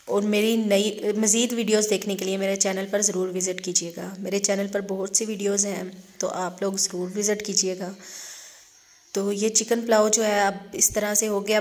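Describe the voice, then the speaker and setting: A woman with a Pakistani Urdu accent, narrating a recipe step by step over her home cooking video as the channel's host. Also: medium pitch. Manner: steady step-by-step explaining with frequent fillers.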